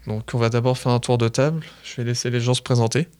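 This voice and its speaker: Smooth-voiced young male radio host. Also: medium pitch, fast. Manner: relaxed, filler-heavy questioning. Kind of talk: radio interview. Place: radio studio.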